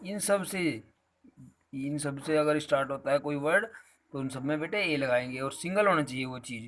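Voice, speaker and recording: In a grammar lesson, this male teacher's slightly high, fairly bright voice moves at normal speed. He explains things patiently to his students and slips in an affectionate "beta."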